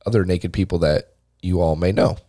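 A man's voice: sits low, fairly even intonation, fairly quick, mellow, dry recording, studio quality. A man in his thirties co-hosting a casual podcast, with a nasal voice, joking crudely and laughing. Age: 30s. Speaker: podcast co-host. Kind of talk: casual explicit chat.

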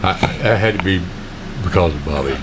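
A man's voice: sits low, fairly quick. A man co-hosting a casual sports chat, chiming in with brief agreeing remarks. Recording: clear steady room noise behind voice.

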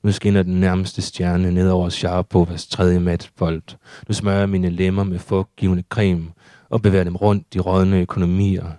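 Deep flat-voiced man reading poetry. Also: no echo, clean studio sound.

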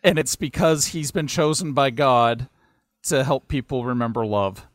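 A man's voice: medium pitch, normal speed, no room sound. A man chatting casually as a panelist on a talk show. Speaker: podcast panelist. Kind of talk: casual chat.

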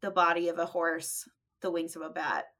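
A woman's voice: on the low side, little pitch movement, normal speed, fairly bright tone. A woman co-hosting a chat podcast, asking playful, curious questions. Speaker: podcast co-host. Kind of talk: casual chat.

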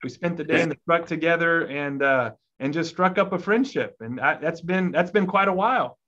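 A man with a fairly high, sharp-toned voice speaks at a normal speed as host of a church conversation series. He asks friendly, rambling questions full of fillers in this conversational interview, captured on dull lo-fi audio.

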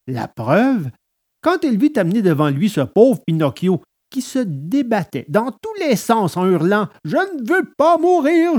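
A man narrating a storybook in an animated, expressive way. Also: a little high. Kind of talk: storybook reading.

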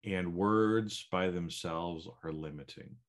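A man's voice: deep voice, takes it slowly. A middle-aged man co-hosting a podcast, talking in a loose, rambling way with lots of fillers and restarts. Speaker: podcast co-host. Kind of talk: casual chat.

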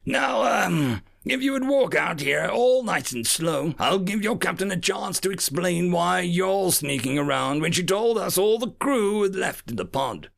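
A man doing a gravelly alien pirate captain. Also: high-pitched, animated, a little slow, hardly any pauses, a bit bright, pitched above the performer's own voice, exaggerated voice. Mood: mock-polite. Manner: mocking, falsely polite. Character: menacing male alien pirate captain with sharp teeth.

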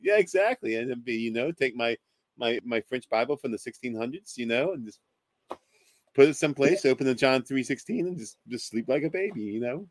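Man, excitable, stammering, repeats himself, casual radio chat, dry close sound. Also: medium pitch, a little fast, no room sound. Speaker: co-host.

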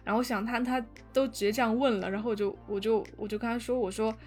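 A young woman telling a story in casual chat, animated and full of fillers and restarts. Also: on the high side, quick pace, soft background music. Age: young adult. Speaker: podcast guest storyteller.

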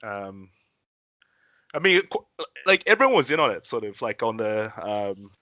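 A man's voice: on the low side, very animated, normal speed, bright, forceful tone, dry recording, lo-fi sound. A man co-hosting a podcast, chatting casually with lots of fillers and restarts. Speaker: podcast co-host. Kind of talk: casual chat.

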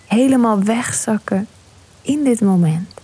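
A woman leads a guided meditation in a slow, unhurried way. Her voice is mellow and breathy, and she often drops into a hushed whisper. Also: on the high side.

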